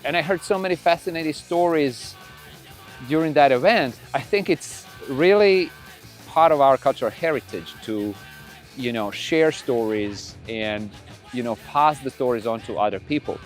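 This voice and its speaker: A middle-aged man from Croatia, whose first language is Croatian, hosts a podcast in a room full of records. He talks in a relaxed, rambling way, restarting his sentences, at an ordinary middle pitch. Faint music plays behind him. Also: normal speed. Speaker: podcast host and record label owner. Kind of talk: casual monologue.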